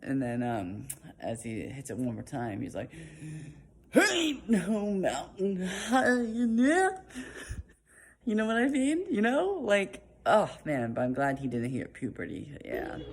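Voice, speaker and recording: A man's voice: medium pitch, huge pitch swings, moderate pace, creaky. A chatty young man in his twenties speaking straight to camera. He is casual and apologetic, with lots of fillers, as he introduces his comedy audition. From Pacific Northwest US. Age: 20s.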